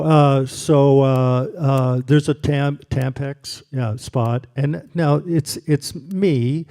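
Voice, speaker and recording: Man, guest, jingle composer, rambling anecdotes, mellow warm tone. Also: mid-range voice, gravelly. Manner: rambling storyteller with fillers and laughs. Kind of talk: casual anecdotes.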